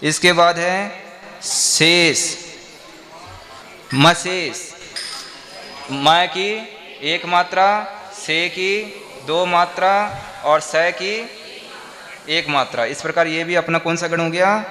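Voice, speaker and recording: A monk leads a class in a bright, slightly high voice. He counts out syllables one by one, pausing often to quiz his listeners. His pace is slow and deliberate. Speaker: Jain monk teaching a class. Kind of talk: classroom lesson on verse meter.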